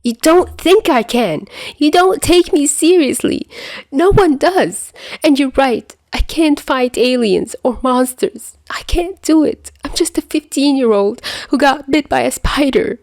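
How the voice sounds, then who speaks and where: A woman voicing an earnest, insecure fifteen-year-old superhero boy in a fan audio drama, with a pleading, breathy delivery. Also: sits high, lively intonation, measured pace, darkish tone, no echo, voice pushed up. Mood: upset, pleading.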